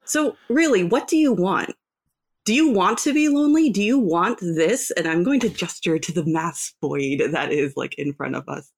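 A tabletop player voicing an earnest female hero who coaxes with gentle, pleading questions. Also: medium pitch, steady tone, moderate pace, creaky, hardly any pauses, breathy edge. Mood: coaxing, earnest.

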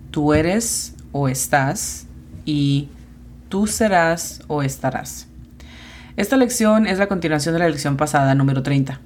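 A woman who hosts a podcast where she teaches English, giving slow and careful explanations and spelling out pronunciations. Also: low voice, slight background noise. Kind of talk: podcast language lesson.

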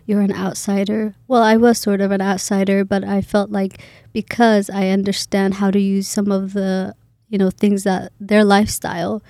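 A woman's voice: medium pitch, level tone, moderate pace, warm tone, no echo. A woman in her twenties from Kenya, a graduate student talking in a casual interview, hesitant with many fillers and restarts.

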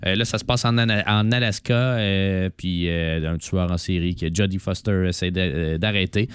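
A man with a smoker's rasp, hoarse and on the low side, recorded close and dry. He has a Quebec French accent and chats informally as a show co-host, hesitating and adding asides. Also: moderate pace, dry recording. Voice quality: raspy smoker's voice. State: hoarse from lingering laryngitis. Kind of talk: casual chat about cinema.

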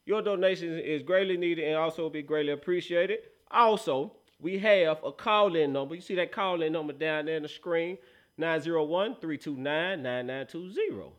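A man's voice: on the high side, moderate pace. A man hosting a casual sports talk show, using slangy hype talk as he runs through promos.

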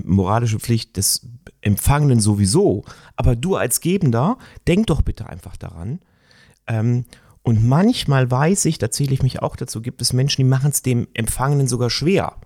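A middle-aged man talking reflectively in a conversation, searching for words and often pausing with fillers. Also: mid-range voice, a little mellow, dry recording, studio quality. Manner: thoughtful, searching, with many fillers.

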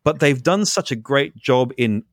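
A man explaining space science in a casual podcast chat, animated and jokey, often restarting his sentences. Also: medium pitch, a little slow, no room sound, studio quality. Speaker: space expert guest.

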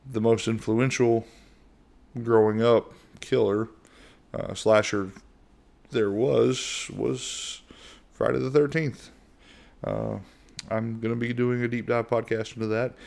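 This time the middle-aged U.S. host of a casual solo podcast speaks slowly, his mid-range voice marked by vocal fry. He stays monotone and rambles, with plenty of fillers and restarts.

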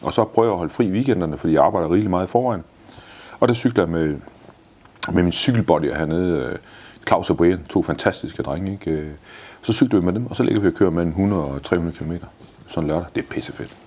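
Husky deep-voiced man in his fifties. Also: a little mellow. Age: 50s. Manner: blunt and swearing, enthusiastic. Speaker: guest. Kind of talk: casual interview answers.

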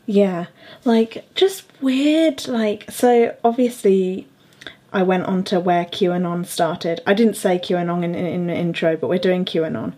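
A woman's voice: lowish voice, fairly even intonation, measured pace, mellow. A young adult woman hosting a podcast, chatting casually with plenty of fillers and frequent laughter. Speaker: podcast host.

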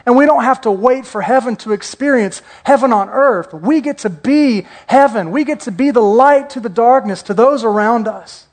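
Guy pastor w a high voice, chatty sermon, cracks jokes, asks the room stuff. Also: moderate pace, hardly any pauses. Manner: conversational, jokey, asks the congregation questions.

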